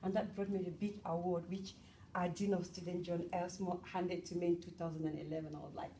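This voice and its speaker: A woman's voice: fairly low pitch, fairly quick, distant mic. Bubbly woman speaker from Cameroon. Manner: bubbly, animated, chatty with the audience. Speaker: motivational speaker. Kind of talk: public talk at an event. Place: event room with an audience.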